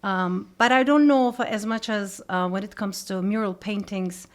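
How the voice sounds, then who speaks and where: A woman's voice: mid-range voice, steady tone, normal speed. A woman from Turkey, a guest artist in a casual interview, speaking hesitantly with many ums and uhs. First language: Turkish.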